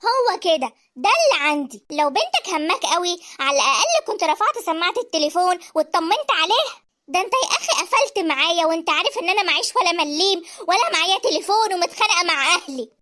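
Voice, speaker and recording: A woman's voice: very high-pitched, heavily acted. Woman playing a fiery fed-up Egyptian wife. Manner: sharp and scolding. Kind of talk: animated drama dialogue.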